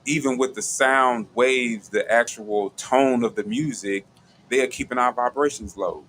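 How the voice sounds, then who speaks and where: A man's voice: mid-range voice, fairly even intonation, unhurried, a bit bright, a little hiss or hum, poor audio. A man hosting a casual radio talk show, laid-back and conversational, who often checks in with his listener. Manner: laid-back, conversational, often says "you feel what I'm saying". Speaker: show host. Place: radio studio.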